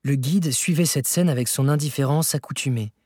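Husky male audiobook narrator. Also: medium pitch, no room sound, studio quality. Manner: measured, expressive reading of a classic novel. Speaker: audiobook reader. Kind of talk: scripted narration.

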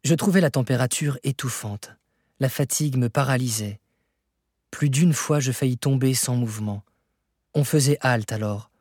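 A man reading a classic novel aloud as scripted narration, measured and expressive. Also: medium pitch, husky, no room sound, clean studio sound. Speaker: audiobook reader.

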